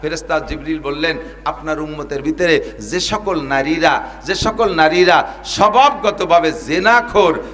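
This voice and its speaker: High-voiced impassioned male preacher. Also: unhurried. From Bangladesh. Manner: impassioned, rising to loud cries; chants Arabic verses. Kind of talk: Bengali waz sermon.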